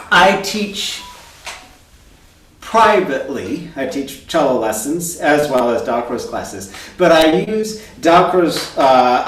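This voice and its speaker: A man cello teacher talks slowly and steadily on a video call, his voice a little high for a man. He sits back from the mic in an echoey room with a faint hiss behind him. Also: a bit bright. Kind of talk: casual presentation in a video call. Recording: roomy, distant mic with faint noise.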